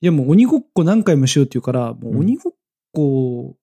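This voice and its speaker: A man in a casual chat, calm and polite, often answering with short agreements. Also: medium pitch, fast, gravelly, breathy edge, no room sound.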